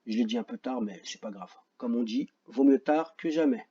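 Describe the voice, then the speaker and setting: A man with a French accent teaching a phonics lesson to children, slow and patient, repeating each word carefully and joking about his own memory. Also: medium pitch, expressive, dark tone, breathy edge, highs cut off.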